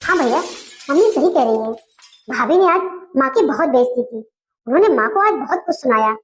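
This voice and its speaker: A woman's voice: high voice, expressive, fairly quick, pitched below the performer's own voice. A woman playing a spoiled sister-in-law who whines and tattles to her family in a comedy skit. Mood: whiny. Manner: whiny, tattling.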